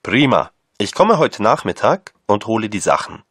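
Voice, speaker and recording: Polite caller in a course dialogue, low lively voice, husky, dry studio sound. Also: male voice, no room sound, exaggerated voice. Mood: polite bargaining. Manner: clear, slow learner-friendly speech. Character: polite man phoning to buy a pram. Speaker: caller answering an ad. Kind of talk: scripted textbook dialogue.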